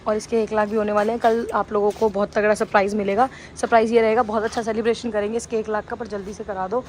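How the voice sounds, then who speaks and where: A woman's voice: mid-range voice, fast talker. A young woman filming a casual family vlog at home, chatting straight to her viewers as she goes. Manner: chatty, lively, addresses viewers directly. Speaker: family vlogger. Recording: noisy phone recording at home.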